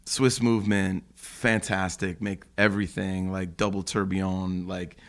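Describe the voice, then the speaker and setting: Low-voiced man telling lively stories. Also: unhurried, vocal fry. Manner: animated storyteller, acts out quotes, laughs often. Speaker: podcast guest, photographer. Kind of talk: casual chat. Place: apartment room.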